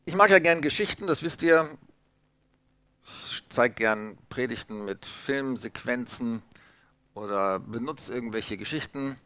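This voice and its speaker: Male pastor, conversational storytelling sermon, dry, mid-pitched. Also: lively intonation, a little slow, long pauses, sharp tone, dry recording. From Hamburg, Germany. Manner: chatty, storytelling, lots of asides and fillers.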